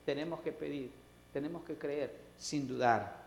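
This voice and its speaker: A male pastor preaching a sermon, swinging between loud, emphatic lines and soft asides. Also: a little high, measured pace, gravelly, a little hiss or hum. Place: church sanctuary. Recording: roomy church reverb.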